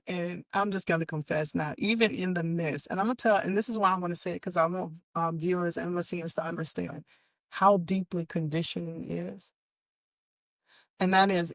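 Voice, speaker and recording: A woman in her fifties hosts a casual talk show, speaking with earnest emphasis and often checking in with "right?" and "okay?". Her voice is fairly low and fairly bright, in a dry recording.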